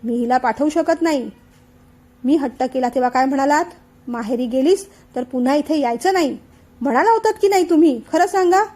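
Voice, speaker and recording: An older mother-in-law, calm and persuasive, as a woman narrator reads her. She reasons gently in a high, mellow voice. Audiobook family drama. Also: a little fast, lightly acted. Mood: challenging.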